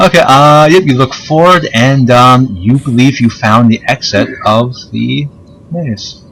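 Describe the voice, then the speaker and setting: A man's voice: medium pitch, unhurried, a bit bright, a little hiss or hum, rough recording. A man running a tabletop game as game master, narrating casually in a hesitant, chatty, jokey way. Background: background game music.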